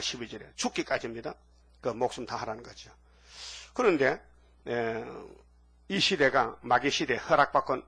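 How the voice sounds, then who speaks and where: A man preaching a sermon as a pastor, telling stories animatedly with sudden loud outbursts and asking the audience for agreement. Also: a little high, husky. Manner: animated storytelling with sudden shouts.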